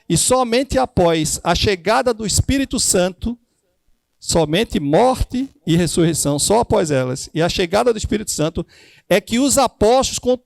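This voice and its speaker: A Northeastern Brazilian man teaching a church discipleship class in a preachy way, now and then acting out the voices in the story. His voice sits on the high side and has a gravelly edge. The recording is close and dry, with no room sound. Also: dry recording. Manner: preachy, acts out dialogue.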